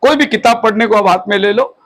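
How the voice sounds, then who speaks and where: A man in his fifties, a pastor, preaching at a house prayer meeting, exhorting his listeners and slowing down on English phrases. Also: high voice, fairly bright tone, low-quality recording. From India. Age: 50s. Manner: exhorting, mixes English phrases and slows on them.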